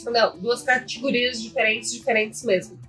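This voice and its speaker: High-voiced woman with opinionated banter. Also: fairly bright tone, faint music behind. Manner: opinionated, quick-reacting banter. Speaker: podcast co-host. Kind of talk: casual chat.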